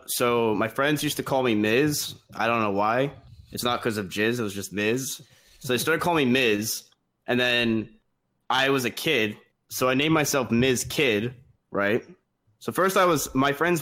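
A man's voice: medium pitch, fairly bright tone. Easygoing man rambling through a story. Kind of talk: casual podcast chat.

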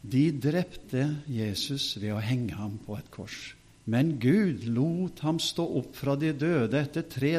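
A man reads an earnest apostle speaking to a gathered household. The delivery is steady and sincere, like testimony in a Bible storybook. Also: mid-range voice, lightly acted. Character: apostle Peter, earnest adult man preaching. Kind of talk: reading a scripture speech.

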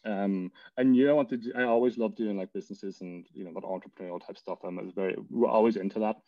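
A man's voice: lowish voice, fairly even intonation, fast talker, mellow, no room sound, dull audio. A man with a Donegal, west of Ireland accent talking casually as an interview guest, rambling as he thinks aloud. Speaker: interview guest, tech business founder. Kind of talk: casual interview talk about work and life.

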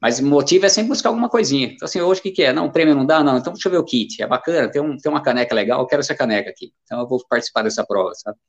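A Brazilian man in his fifties, an amateur runner, chats casually as an interview guest in a mid-range, expressive voice. He talks very fast with few pauses, rambling through stories full of fillers, and the recording has a dull, lo-fi sound.

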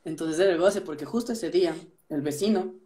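A man with an Ecuadorian accent, telling stories in an animated casual chat, restarting his sentences often. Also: fairly high pitch, fairly quick. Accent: Ecuadorian Spanish. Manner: animated storytelling, many restarts.

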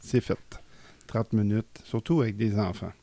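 A man's voice: fairly low pitch, fairly even intonation, moderate pace, creaky, warm tone, no echo. A man with a Québécois accent, co-hosting a podcast, joking around and explaining terms for the listeners. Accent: Québécois French. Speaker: podcast co-host. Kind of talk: casual chat.

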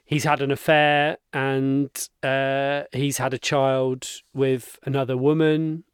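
A man co-hosting a podcast, chatting casually about a film, self-mocking and quick to laugh. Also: mid-range voice, flat delivery, smooth, dry recording, studio quality. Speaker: podcast co-host. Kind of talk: casual film review chat.

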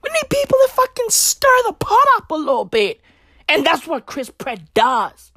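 A high-pitched woman from southern Africa, a native Tswana speaker, performs a stand-up style comic rant at normal speed. As a comedian, she rambles with animated, profane, slang-heavy delivery. The recording has no room sound.

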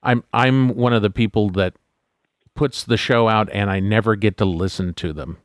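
A man hosting a podcast interview, talking in a relaxed, halting way. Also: fairly low pitch, no echo, clean studio sound. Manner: relaxed, halting, lots of fillers. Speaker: podcast host. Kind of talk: casual interview chat.

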